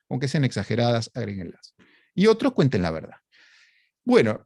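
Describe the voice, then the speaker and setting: A man's voice: medium pitch, darkish tone, no echo, clean studio sound. A man with an Argentine Spanish accent giving a conversational academic talk over a video call, explaining points and asking rhetorical questions. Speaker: lecturer.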